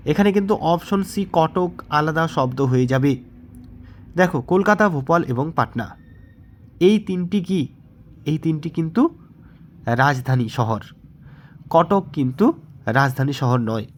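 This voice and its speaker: A man's voice: a little high, animated, unhurried, long pauses, a little hiss or hum. A man with a Bengali accent, teaching exam prep and patiently walking through mock test answers, asking questions and then answering them himself.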